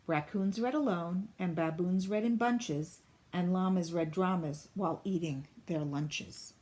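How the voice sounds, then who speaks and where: Slow-paced woman reading a storybook. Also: lowish voice, darkish tone. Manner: deliberate, clearly phrased storybook delivery. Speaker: teacher reading a picture book to a class. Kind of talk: expressive children's read-aloud.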